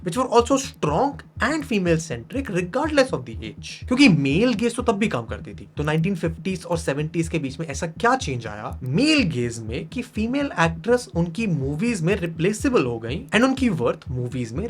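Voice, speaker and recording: A man's voice: a little high, big pitch swings, normal speed, hardly any pauses. A man narrating a video essay in a scripted, explanatory way. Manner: mixes Hindi and English, explanatory.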